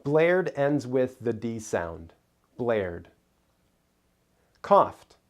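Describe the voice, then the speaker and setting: Slow, deliberate male pronunciation teacher. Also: mid-range voice, very animated. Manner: careful, deliberate enunciation of single words. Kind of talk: scripted instructional narration.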